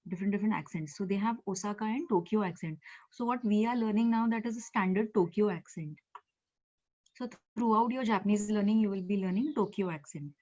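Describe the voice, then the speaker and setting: An Indian-accented woman giving a Japanese lesson over a video call, her voice warm and mellow at a middling pitch. She explains patiently and pads her sentences with fillers and repeated words. The sound is a little dull and lo-fi, like compressed call audio. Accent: Indian English. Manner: explanatory, with frequent fillers and repetitions. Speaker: Japanese language teacher. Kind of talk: online class lecture.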